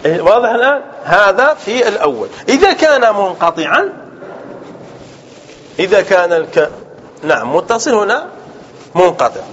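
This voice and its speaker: A man's voice: sits high, big pitch swings, normal speed, long pauses, a bit bright. A man teaching a grammar class, quizzing his students and repeating key terms as he goes. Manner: asks students questions and answers them, repeats key terms. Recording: dull lo-fi class recording with faint room noise.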